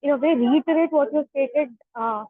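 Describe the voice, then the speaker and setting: A high-voiced woman joins a group debate over a video call. Her speech is measured and agreeable, but the connection keeps breaking up, leaving her voice cloudy and muffled. The sound is dry, with no room around it. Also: dry recording. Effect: voice breaking up and cloudy over a bad call connection. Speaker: debate participant.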